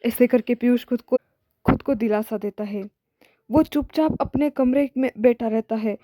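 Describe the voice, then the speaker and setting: A woman's voice: a little high, normal speed, warm tone, no room sound, studio quality. A woman narrating a horror story in a dramatic reading voice, acting out every character herself.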